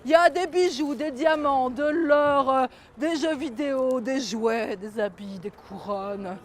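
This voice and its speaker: A woman's voice: high voice, unhurried. A woman storyteller telling a folk tale to children and getting them to join in. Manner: lively, gets the audience to join in.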